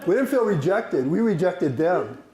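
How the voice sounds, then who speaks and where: A man from Hawaii leads an interactive workshop, speaking animatedly in a high voice with lively intonation at a normal speed. He laughs and asks the group questions while a crowd is audible in the background.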